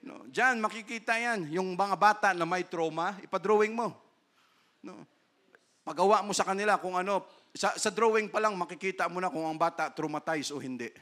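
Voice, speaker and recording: High, bright-voiced preaching man. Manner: preaches in Taglish, reads scripture in slow King James English, asks "no?" constantly; rises to loud, high emphatic bursts. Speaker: pastor. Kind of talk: sermon.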